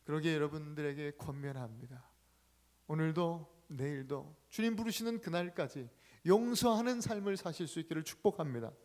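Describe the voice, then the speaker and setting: A male pastor preaching a sermon, telling stories emphatically with sharp swings in loudness. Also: on the high side, normal speed.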